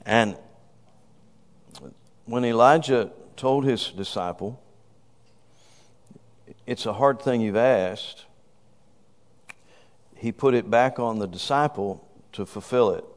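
This sermon comes from a man in his fifties at medium pitch, speaking slowly with long pauses. He's exuberant, calls out praise and cries "woo," with a congregant joining in, recorded in a reverberant hall.

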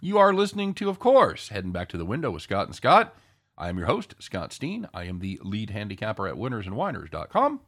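A man's voice: on the low side, wildly swooping pitch, fairly quick, a bit bright. A man hosting a live sports betting show in casual, jokey banter, irreverent and given to casual swearing.

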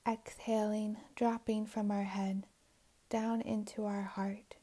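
A woman's mid-range voice carries a guided meditation with a flat, soothing, unhurried delivery. She pauses at length and finishes phrases softly and breathily.

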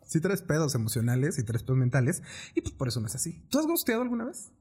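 A man's voice: fairly high pitch, wildly swooping pitch, fast, darkish tone, breathy edge. A man with a Mexican accent hosting a casual chat about a song, joking and acting out lyrics. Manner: playful, jokes and acts out song lines. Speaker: podcast host.

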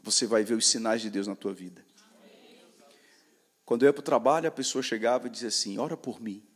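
A man with a Brazilian Portuguese accent preaching to young people, using repetitive call-and-response and swinging from loud declarations to soft storytelling. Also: mid-range voice, fairly quick, breathy edge. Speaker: preacher at a youth gathering. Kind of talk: sermon.

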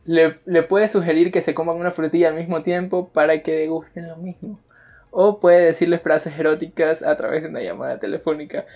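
A man's voice: fairly high pitch, steady tone, fairly quick, a little mellow. Young male podcast co-host, crude joker, reads items aloud, laughs between them. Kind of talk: casual joking chat, reading out news tips.

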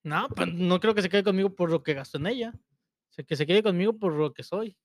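This podcast co-host is a young Mexican-accented man whose high voice moves a little fast. The studio recording is clean and echo-free, and his talk is relaxed, vulgar, slang-heavy, and full of laughter.

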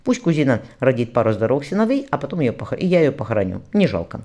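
A man reading an audiobook, voicing a priest in his thirties who sounds gentle but is secretly cold and contemptuous. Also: medium pitch, sing-song, fast talker.

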